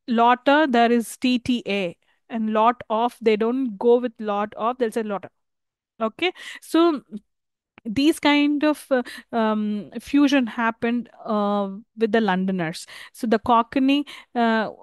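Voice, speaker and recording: A woman with an Indian accent gives a recorded university lecture in a slightly high, smooth and resonant voice. She explains haltingly, correcting herself and checking in with "okay". The sound is dry and close. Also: no room sound. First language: Telugu. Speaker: English lecturer.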